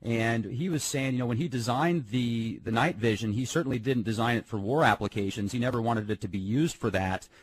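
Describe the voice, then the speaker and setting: A man's voice: medium pitch, brisk, few pauses, a little hiss or hum, low-quality recording. A man hosting an interview, chatting casually and telling a heartfelt personal story with some emotion. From United States. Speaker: interviewer host.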